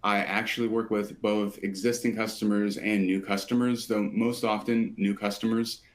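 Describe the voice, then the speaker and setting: A man from a sales team hosting a live software webinar, walking listeners through the agenda in a steady, polished presenter manner. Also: lowish voice, normal speed.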